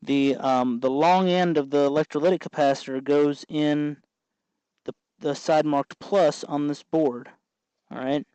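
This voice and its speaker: Unhurried and steady, a man with a fairly high, mellow, clear, and resonant voice hosts a DIY electronics tutorial, casually and patiently talking through each step as he works. The recording is dry and of poor quality.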